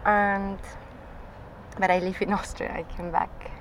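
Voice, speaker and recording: A woman's voice: medium pitch, little pitch movement, unhurried, slight background noise, low-quality recording. Rambling Spanish-accented woman artist. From Spain. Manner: rambling, restarts often, frequent laughs. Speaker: interviewee, performance artist. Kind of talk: casual interview chat.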